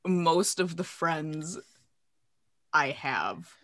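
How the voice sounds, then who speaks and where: A young woman in her twenties co-hosting a casual podcast chat, telling stories with laughter and animated quotes. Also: deep voice, drawn-out words. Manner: laughing, storytelling, animated quoting. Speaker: podcast co-host.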